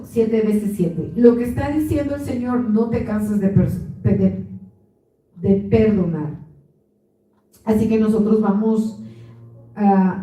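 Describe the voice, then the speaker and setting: A woman's voice: mid-range voice, mellow. A woman pastor giving an earnest sermon. She often restarts words and acts out the voices she quotes. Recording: echoey church room, mic at a distance, faint music.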